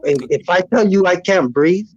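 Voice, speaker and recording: A man's voice: high-pitched, moderate pace. Blunt streetwise male caller on phone. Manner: blunt, streetwise, stumbling restarts. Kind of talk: casual call-in chat. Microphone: cell phone call. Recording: muffled phone call.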